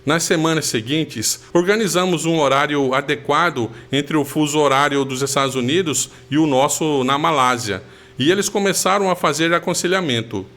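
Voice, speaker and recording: Man, higher-pitched speaking voice, giving a steady earnest personal testimony. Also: normal speed.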